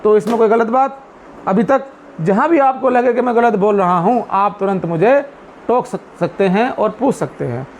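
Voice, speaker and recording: A high-voiced man, a Buddhist speaker at a community meeting, gives an explanatory talk to a seated group. He poses questions to the audience and answers them himself, and slowly chants Pali verses. There's a little hiss or hum.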